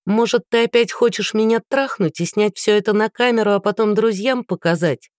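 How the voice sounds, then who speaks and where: A woman voicing a sharp-tongued, scornful young woman who answers with biting mockery. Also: mid-range voice, brisk, no room sound, studio quality, voice pushed up, natural voice. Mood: mocking. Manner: mocking, biting.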